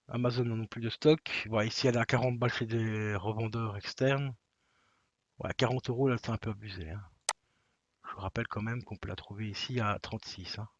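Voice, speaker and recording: A man's voice: medium pitch, no room sound. Rambling casual man, dry dull sound. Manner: rambling, many fillers and restarts. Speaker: collector comparing toy prices. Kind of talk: casual screen-recorded walkthrough.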